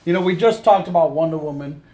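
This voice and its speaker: Male review co-host, fairly high voice, emphatic and opinionated, casual and sweary, echoey room sound. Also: fast talker, dark tone. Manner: opinionated, emphatic, repeats himself. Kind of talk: casual film review chat with profanity.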